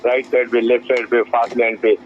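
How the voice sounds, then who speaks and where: A man's voice: mid-range voice, monotone, fairly quick. A middle-aged man with a Karachi Urdu accent calling a radio show, politely offering a suggestion. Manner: polite, deferential. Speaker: caller, motorist. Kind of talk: phone-in suggestion. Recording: dull phone line with faint noise.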